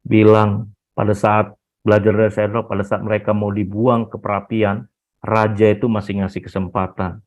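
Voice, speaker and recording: A man's voice: on the low side, level tone, moderate pace, a little mellow. A middle-aged man giving an earnest, emotional personal faith testimony, retelling conversations as he goes. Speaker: chapter president giving testimony. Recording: dull lo-fi recording.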